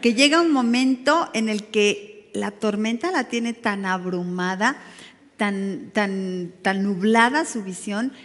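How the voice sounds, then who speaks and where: A woman's voice: mid-range voice, slow pace. Mexican woman preaching in a reverberant hall. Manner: animated, rhetorical questions, dramatic emphasis. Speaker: pastor. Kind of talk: sermon to a women's group. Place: church hall.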